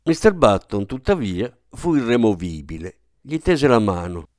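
An expressive male narrator reads a literary tale in a measured, storytelling way. His pitch moves in a lively, animated manner. The recording is dry and close. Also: no room sound. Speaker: audiobook reader.

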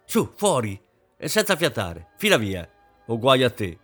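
A man voicing a domineering, scornful middle-aged mother in an audiobook reading, shouting in anger. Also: mid-range voice, big pitch swings, moderate pace, faint music behind.

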